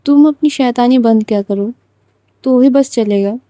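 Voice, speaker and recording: A woman's voice: fairly high pitch, measured pace, mellow, dry recording, lightly acted. A woman voicing a stern, principled young female teacher who speaks firmly and reproachfully. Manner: firm, reproachful.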